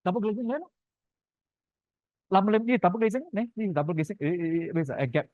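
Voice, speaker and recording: A man's voice: high-pitched, animated, quick pace, no echo, narrow, tinny audio. A man with a Malaysian accent giving an informal technical lecture in punchy, colloquial phrases full of sentence-final particles. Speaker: lecturer presenting to architects.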